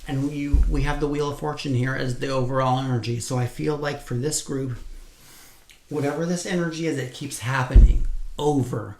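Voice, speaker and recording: A man's voice: medium pitch, fairly even intonation, normal speed, a little mellow. A man giving a casual pick-a-card tarot reading, blunt and profane, repeating points over and over for emphasis. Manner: blunt, swears freely, repeats himself for emphasis. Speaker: tarot reader. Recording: echoey room with faint noise.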